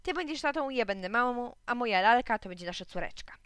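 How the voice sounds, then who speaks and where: A woman's voice: on the high side, animated, quick pace, fairly bright tone, clear, resonant tone, no room sound, studio quality. A woman voicing a bossy little girl who scolds her playmate while they play house.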